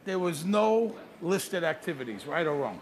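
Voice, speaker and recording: Cocky, high-voiced comic making judgments. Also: male voice, very animated, normal speed. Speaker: comedy guest doing street bits. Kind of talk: comic street interviews.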